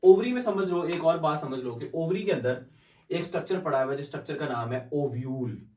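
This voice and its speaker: A male biology teacher giving a classroom lecture, asking and answering his own questions and slowing down to dictate definitions. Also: a little high, a little mellow. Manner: explains in mixed Hindi and English, asks and answers his own questions; slows down to dictate English definitions. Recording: echoey room from far off.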